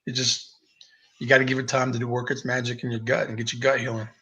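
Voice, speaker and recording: Bright-voiced man, earnest and amazed. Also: mid-range voice, little pitch movement, fast talker, poor audio. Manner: earnest, amazed, speaks in loose run-on sentences. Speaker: guest. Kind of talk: casual livestream chat.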